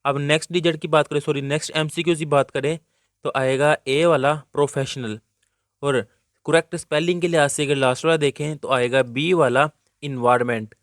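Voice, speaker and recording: Male teacher, fairly high voice, smooth and clear, close dry mic. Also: no echo. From Pakistan. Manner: explains step by step, reads questions out slowly in English. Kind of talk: exam guide lesson.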